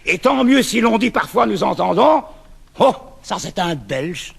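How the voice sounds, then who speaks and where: A man's voice: sits high, big pitch swings, a little slow, gravelly, fairly bright tone, husky. A man with a Brussels accent in a comic sketch, emphatically reciting verse in praise of his accent. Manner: emphatic, proud. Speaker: comic performer.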